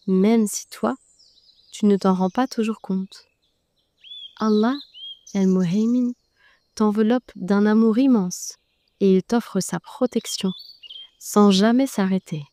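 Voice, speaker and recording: A woman narrating a guided meditation in a slow, gentle and soothing way, speaking directly to the listener. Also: medium pitch, a little hiss or hum.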